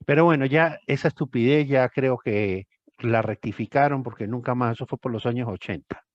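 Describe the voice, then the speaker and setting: A man's voice: medium pitch, moderate pace, no echo. Older male tutor, emphatic and repetitive, dry lo-fi call audio. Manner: emphatic, repeats phrases for stress. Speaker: thesis tutor. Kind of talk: one-on-one tutoring session.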